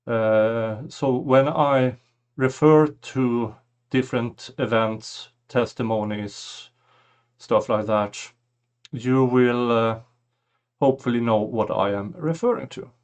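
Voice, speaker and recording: A man improvising a mock closing argument to a jury in a hesitant, halting way with long pauses. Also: medium pitch, darkish tone.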